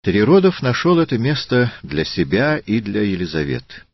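A man reading a literary audiobook in a slow, deliberate, solemn manner. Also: on the low side, big pitch swings, no room sound, dull audio. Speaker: audiobook narrator.

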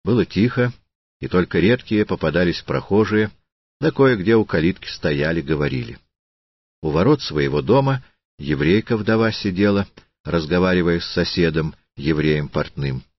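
A man reading a literary audiobook in a slow, deliberate, solemn manner. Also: low-pitched, animated, dry recording, highs cut off. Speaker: audiobook narrator.

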